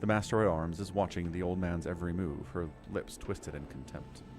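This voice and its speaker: A man's voice: low voice, fairly quick. A man playing a video game, mixing casual commentary with dramatic reading of the story text. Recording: clear game music behind voice.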